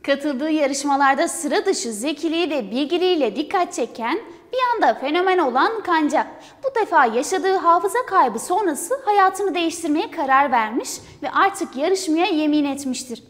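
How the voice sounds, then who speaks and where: A woman's voice: sits high, animated, moderate pace, hardly any pauses, a bit bright. A young woman co-presenting film news for university television, reading her script formally. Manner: formal read-aloud delivery. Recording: hall reverb.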